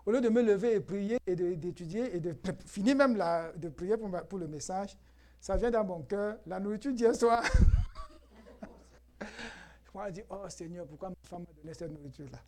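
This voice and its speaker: A man preaching a sermon as pastor in a church, emphatic and lively, firing rhetorical questions at the congregation and laughing often. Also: sits high, moderate pace, long pauses.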